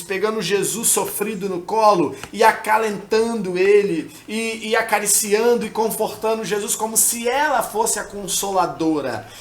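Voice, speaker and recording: A man preaching a sermon as a pastor, passionate and repetitive, pausing on hesitant fillers. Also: high-pitched, a bit bright. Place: church. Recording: roomy church hall.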